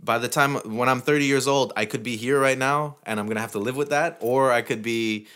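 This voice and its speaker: A young man from in his twenties talks quickly in a casual chat. He rambles through his thoughts and leans on fillers. His voice sits at an ordinary pitch for a man. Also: fairly even intonation, a bit bright, clean tone. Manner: rambling, fillers like 'like' and 'you know'. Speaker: podcast co-host and musician.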